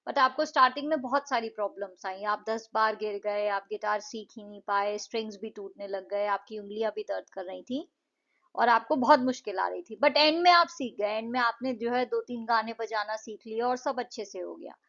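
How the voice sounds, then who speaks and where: A woman explaining an English lesson to children, patiently repeating words slowly to show their syllables. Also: on the high side, a bit bright, lo-fi sound. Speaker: English tutor.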